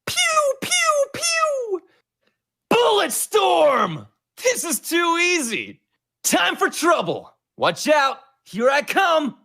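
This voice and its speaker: Cocky show-off gunslinger from a game, bright high voice, vain and dramatic. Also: male voice, huge pitch swings, drawn-out words, exaggerated voice. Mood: cocky excitement. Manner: swaggering, melodramatic showing off. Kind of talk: video game character catchphrases.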